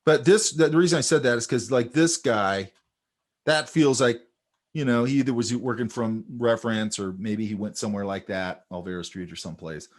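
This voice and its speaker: A man teaching a sketching class in a relaxed, chatty way, telling stories while he points out details in drawings. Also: medium pitch, normal speed. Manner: animated, storytelling, talks over drawings. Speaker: art instructor. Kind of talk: casual teaching chat.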